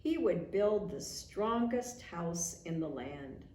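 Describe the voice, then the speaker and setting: A woman narrating a children's storybook in a slow, unhurried read-aloud. Her pitch moves expressively through each line. The recording has a noticeably echoey room sound. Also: animated, mellow, recorded from a distance.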